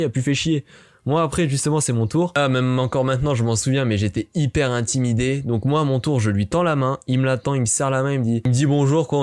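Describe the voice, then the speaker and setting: A man's voice: mid-range voice, darkish tone. A young man from France telling a fan-meeting story in a casual, chatty way, with lots of fillers. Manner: rapid chatty with many fillers. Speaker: vlogger.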